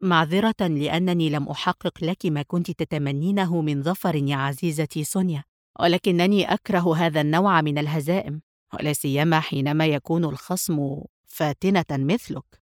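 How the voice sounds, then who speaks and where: Cool sarcastic spy guy from a novel read aloud, low calm voice, dry sound, as a lady reader puts him on. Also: fairly quick, no room sound, close to an everyday voice. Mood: mocking. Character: suave mocking male spy hero, cool and confident.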